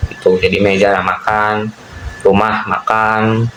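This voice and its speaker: A young man with a lowish voice walks through a class presentation in a loose, explanatory way, dropping filler words and restarting phrases. The recording has a roomy echo and a faint hiss behind it. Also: level tone, unhurried, a bit bright. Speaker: university student presenting. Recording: echoey room with faint hiss.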